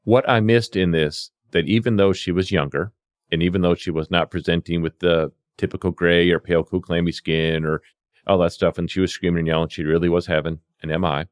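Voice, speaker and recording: A low, steady-toned male voice moves briskly through animated stories from the field, where he works as a paramedic and CPR instructor. He plays out conversations as quoted dialogue, captured in clean studio sound without room noise.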